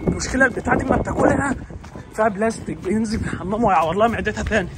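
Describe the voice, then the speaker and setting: A young Egyptian man speaks quickly in a high voice, exasperated, pleading and scolding. He is filmed outdoors on a rooftop, and the recording carries clear background noise. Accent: Egyptian Arabic. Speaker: dog vlogger. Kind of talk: casual vlog, chasing his dog.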